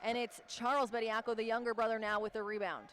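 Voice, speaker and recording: A man calling live basketball play-by-play, rattling off plays, names and the shot clock at a brisk clip. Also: high voice, little pitch movement, a bit bright, slight background noise. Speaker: play-by-play commentator. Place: gym broadcast booth.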